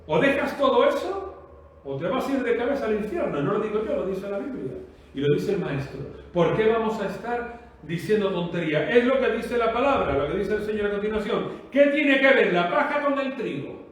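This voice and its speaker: Emphatic high-voiced preacher in an echoey room. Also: male voice, expressive, fairly quick, recorded from a distance. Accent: Spanish from Spain. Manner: emphatic, rhetorical questions, repetitive cadence. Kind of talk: sermon.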